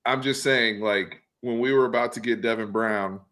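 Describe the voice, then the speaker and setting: A Texas man in his thirties with a medium-pitched voice hosts a casual sports talk stream, animated and fast, often repeating words as he builds his point.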